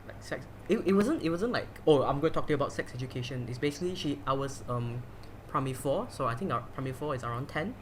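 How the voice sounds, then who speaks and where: A Malaysian man hosts a casual podcast conversation in an animated, fast, mid-range voice. He's chatty and loose, full of fillers and restarts, with slight background noise behind him.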